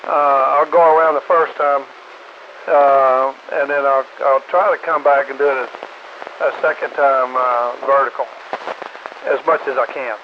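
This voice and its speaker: A man's voice: mid-range voice, fairly even intonation, unhurried. A man checking into an amateur radio net, chatting easily over a two-way radio with static. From Texas. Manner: chatty, easygoing radio talk with roger and call signs. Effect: voice heard over a two-meter radio with static. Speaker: ham radio operator checking in. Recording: muffled radio audio with clear static hiss.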